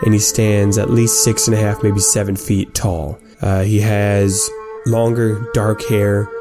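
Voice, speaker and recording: A man narrating a tabletop game as game master, describing scenes in halting, improvised detail. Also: lowish voice, flat delivery, over music.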